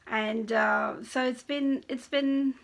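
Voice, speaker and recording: A woman's voice: a little high, steady tone, gravelly. Hesitant woman, voice giving out. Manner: hesitant, halting with frequent pauses. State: voice giving out, slightly hoarse. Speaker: knitting podcast host. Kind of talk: casual chatty video podcast.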